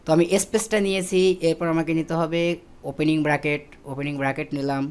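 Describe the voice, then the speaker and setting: A man's voice: on the high side, quick pace, smooth. Tutorial voice-over: a man walking through spreadsheet steps, with fillers and self-corrections. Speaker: instructor. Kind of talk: screen-recorded spreadsheet tutorial.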